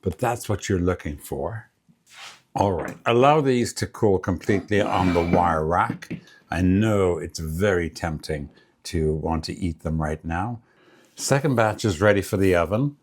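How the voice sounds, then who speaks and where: A man with a deep, husky voice talks through a recipe in his home kitchen. He sounds relaxed and chatty, a cooking host who savors each bite out loud as he tastes. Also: a little slow. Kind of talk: casual cooking demonstration.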